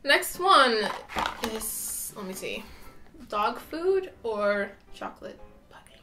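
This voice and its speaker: A woman's voice: fairly high pitch, very animated, slow, sharp tone, soft background music. A woman in her twenties talking casually and expressively, with giggles, as she eats gross jelly beans at home. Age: 20s. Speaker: vlog challenge participant. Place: bright indoor room at home.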